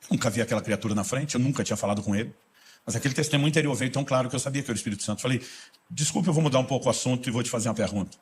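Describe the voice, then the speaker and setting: A middle-aged man preaching a sermon as a pastor, acting out dialogue with rising emphasis and a husky voice. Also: medium pitch, rapid-fire, slight background noise.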